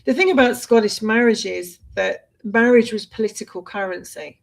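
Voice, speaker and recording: A woman from Britain co-hosts a casual podcast conversation. She talks in an animated, chatty way and often restarts her sentences. Her voice sits at an ordinary middle pitch for a woman. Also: moderate pace, gravelly, low-quality recording. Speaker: co-host. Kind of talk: casual chat.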